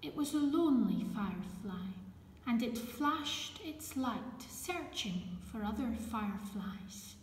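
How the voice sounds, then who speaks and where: Casting: female storyteller, unhurried and gentle, slightly high voice, reading for small children in a reverberant room. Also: expressive. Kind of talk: reading a children's picture book aloud. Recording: echoey room with background noise.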